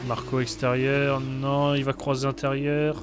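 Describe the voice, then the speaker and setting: A man's voice: medium pitch, monotone, unhurried, music in the background. A man giving live motorsport commentary alongside a partner, repeating names and phrases for emphasis. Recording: clear background noise with car sounds.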